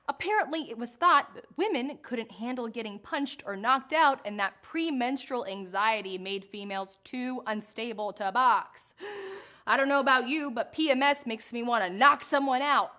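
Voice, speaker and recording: Bright, upbeat young woman as a live trivia host, quick with puns and a giggle, fairly high voice. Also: expressive. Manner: bubbly, jokey, laughs at her own puns. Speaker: trivia game show host. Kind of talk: live trivia show hosting.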